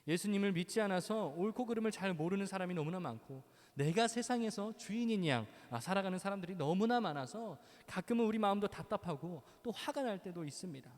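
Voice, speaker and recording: Playful youth preacher in a reverberant hall. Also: male voice, sits high, expressive, quick pace, few pauses. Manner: playful, acts out quoted lines, asks the kids questions. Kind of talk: sermon to teenagers. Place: church hall.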